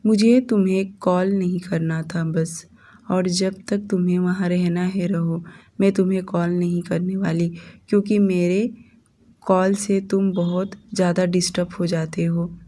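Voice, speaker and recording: Woman reading angry young wife, reproachful, low flat voice. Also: unhurried, hardly any pauses.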